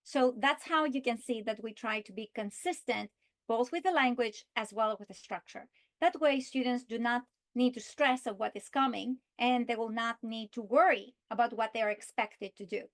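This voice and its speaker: A woman explaining a reading lesson structure to teachers and modeling the script, slowing down to stretch key words. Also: fairly high pitch. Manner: slow, deliberate delivery, stretching key words when modeling. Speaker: teacher trainer.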